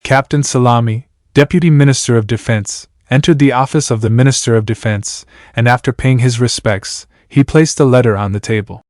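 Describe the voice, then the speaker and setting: A man's voice: medium pitch, brisk, few pauses, darkish tone, dry recording, clean studio sound. A man from Iran narrating his novel aloud, voicing every character in the same plain reading voice and announcing each speaker's name. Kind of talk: flat audiobook narration.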